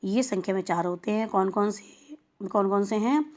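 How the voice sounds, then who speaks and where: A woman teacher talks a class of young children through a lesson. She goes at a patient, explanatory pace and stops to sound out each example clearly. Her voice sits at a middle pitch. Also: darkish tone. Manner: slow, explanatory, spelling out sounds. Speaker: school teacher.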